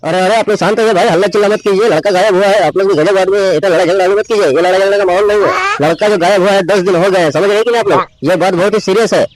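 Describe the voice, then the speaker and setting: A man's voice: high-pitched, racing, hardly any pauses, close to an everyday voice, low-quality recording. A man voicing a blustering, pompous village police inspector in a Hindi cartoon who rambles with self-importance. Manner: pompous, rambling, rhyming nonsense.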